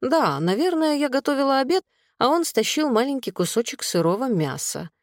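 A woman's voice: sits high, very animated, moderate pace, no room sound, studio quality, voice pushed up. A tired, resentful young mother, read by a woman. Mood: breezy.

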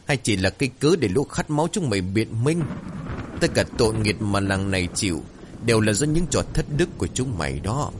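A man's voice: lowish voice, big pitch swings, brisk, noisy background. A man voicing a desperate village father who snarls threats to protect his child. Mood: furious.

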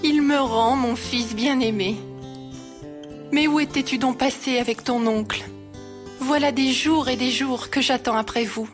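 A woman's voice: high-pitched, fairly even intonation, a little slow, over music. A woman doing a poor overjoyed mother. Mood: relieved.

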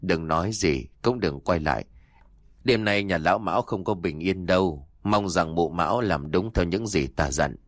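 A man's voice: sits low, moderate pace, no room sound, clean studio sound, close to an everyday voice. A man voicing a stern old male exorcist who gives solemn, commanding instructions. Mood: hushed warning.

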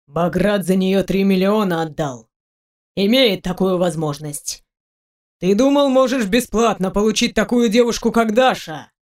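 A woman reading an audiobook, voicing a stern, blunt middle-aged father who speaks slowly and firmly. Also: mid-range voice, darkish tone, lightly acted.

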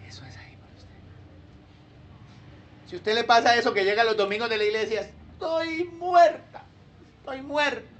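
A man's voice: high voice, a little fast, pauses often, background noise. A male pastor, preaching a sermon and acting out churchgoers in playful voices. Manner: animated, acts out churchgoers in funny voices.

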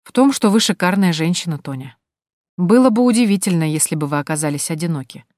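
A woman reading the part of an attentive, courteous male businessman who talks calmly and gently flatters. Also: fairly low pitch, quick pace, dry recording, clean studio sound, lightly acted.

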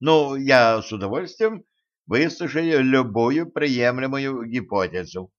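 A man voicing a calm, tactful male doctor who speaks in a slow, measured, hesitant way, in a dull lo-fi recording. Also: medium pitch. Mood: soothing, pondering.

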